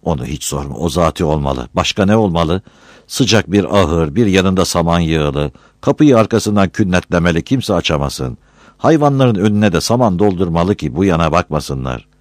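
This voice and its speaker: A man narrates a village story aloud in a low voice that rises and falls a great deal. He reads expressively, and the recording is very dry and close. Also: normal speed, no echo. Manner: expressive, performs character voices.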